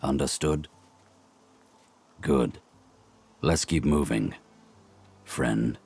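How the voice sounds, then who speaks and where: An actor playing a stern, weary warrior in a video game, grave, blunt and measured. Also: male voice, rumbling low, gravelly, darkish tone, slightly rough, heavily acted. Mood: stern warning. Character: stern, weary warrior who values loyalty and friendship.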